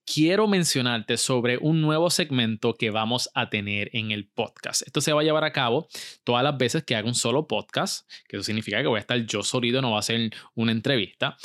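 A man's voice: mid-range voice, a bit bright, no echo, studio quality. A man hosting a solo motivational business podcast, talking energetically and putting questions straight to the listener. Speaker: podcast host.

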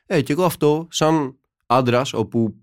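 A man's voice: mid-range voice, no room sound, clean studio sound. A young man co-hosting a podcast, chatting casually and telling ironic, slang-filled stories. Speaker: podcast co-host. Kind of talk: casual chat.

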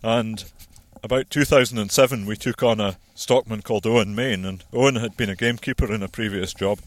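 A man, a farmer explaining his land in a measured, practical way while walking outdoors and slightly out of breath. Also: lowish voice, steady tone, no echo. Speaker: farmer and landowner. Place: outdoors on a hillside plantation.

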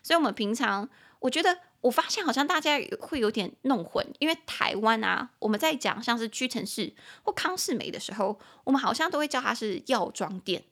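A young woman with a Taiwanese Mandarin accent hosting a podcast English lesson, mixing Mandarin and English and slowly spelling words out letter by letter. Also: a little high, expressive, fairly bright tone. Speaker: podcast host and English teacher.

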